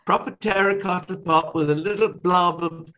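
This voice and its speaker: A man's voice: high voice, steady tone, moderate pace, sharp tone. An older man with a British accent in casual conversation, speaking as an emphatic plant enthusiast. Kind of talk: casual conversation about gardening.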